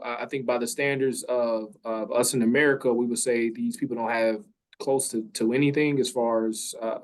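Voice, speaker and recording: A man's voice: medium pitch, rough recording. A man hosting a campus talk, telling a story in a casual way, full of ums and restarts. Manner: hesitant, many ums and restarts.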